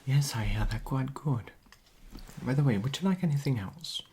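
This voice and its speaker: A performer in an ASMR role-play as a genteel period society lady, gossiping softly and confidingly at a tea parlour. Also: medium pitch, lively intonation, normal speed, a little hiss or hum, close to an everyday voice. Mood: polite, attentive. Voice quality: soft-spoken.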